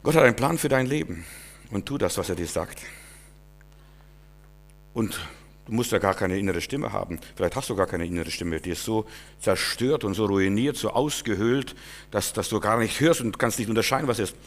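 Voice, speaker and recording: Emphatic preaching man, loud then hushed. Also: expressive, brisk. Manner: exhorting, swings between loud emphatic bursts and quiet low asides; addresses listeners directly, repeats phrases. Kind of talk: sermon.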